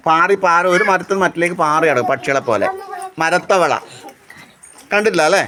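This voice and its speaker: With a medium pitch and lively intonation, a teacher speaks a little fast while quizzing children on a school outing, repeating questions to coax answers. The setting is outdoors at a house surrounded by kids, and the background is noisy with their chatter.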